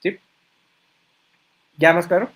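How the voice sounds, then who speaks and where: A man lectures in an online class, his voice sitting a bit high for a man. He explains patiently, pausing on fillers and checking that his students follow along. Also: steady tone, a bit bright, breathy edge, low-quality recording. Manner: hesitant fillers between phrases. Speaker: teacher.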